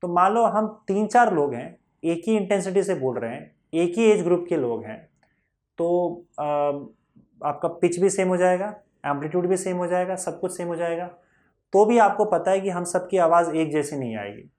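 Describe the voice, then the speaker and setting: A man's voice: high voice, normal speed, darkish tone. Patient male teacher checking understanding. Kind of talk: whiteboard physics lesson.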